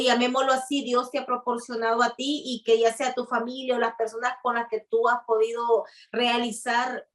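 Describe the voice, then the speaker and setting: Higher-voiced woman host, flat delivery. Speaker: podcast host. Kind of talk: interview questions.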